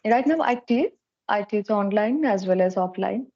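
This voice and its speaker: A woman from India who tutors English, speaking slowly and carefully in a casual practice conversation over a call. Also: mid-range voice, expressive, noisy background. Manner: slow, careful non-native English. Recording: dull lo-fi call audio.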